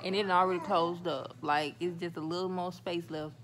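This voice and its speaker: A woman's voice: lowish voice, fairly even intonation, a little fast, soft background music. A young woman vlogging casually in a car, talking with braces on and chatting to her viewers as y'all, a little slurred by the braces. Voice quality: talks a little funny with braces. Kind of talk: casual vlog update. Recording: phone recording with clear car noise. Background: car and road noise.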